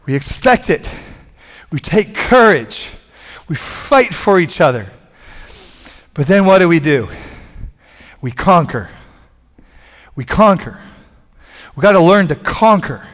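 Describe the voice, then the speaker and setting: This middle-aged pastor speaks slowly with frequent pauses, his slightly high voice very animated as he preaches from a large indoor church stage. Wearing a headset mic, he repeats phrases emphatically so they build in force, all wrapped in long hall reverb.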